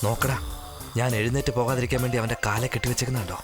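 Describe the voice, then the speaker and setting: A man's voice: mid-range voice, fairly even intonation, rapid-fire, natural voice. A man dubbing a fussy comic lead in a comedy film. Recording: loud film music.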